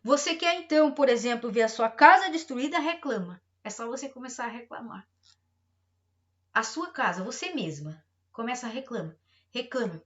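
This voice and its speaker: A woman's voice: a little high, expressive, normal speed, muffled recording. A middle-aged woman pastor preaching a sermon, emphatic and repetitive, acting out everyday complaints.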